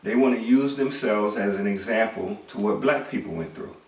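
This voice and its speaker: The voice is lowish and the speed normal as a middle-aged commentator delivers a forceful monologue lecture. He asks rhetorical questions and repeats words, recorded at a distance from the mic in an echoey room.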